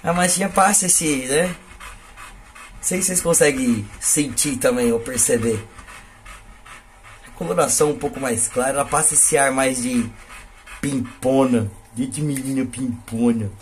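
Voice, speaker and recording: A man's voice: medium pitch, normal speed, pauses often, a little hiss or hum. A man with a Brazilian Portuguese accent, a dog breeder chatting playfully with viewers and cooing baby talk to his dogs outdoors at a kennel. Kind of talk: casual vlog.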